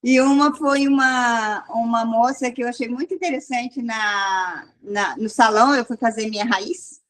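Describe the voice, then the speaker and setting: A woman, a group leader, shares a casual, rambling testimony with a church group, restarting often and quoting people in a raised voice. Her voice is on the high side, steady in tone and measured in pace.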